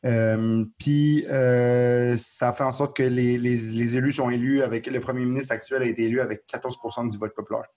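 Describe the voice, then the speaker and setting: A man's voice: mid-range voice, steady tone, moderate pace, hardly any pauses, a little mellow. A man with a Quebec French accent explaining the news in an earnest, casual discussion, often restarting his sentences. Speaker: podcast co-host. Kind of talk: casual current-affairs discussion.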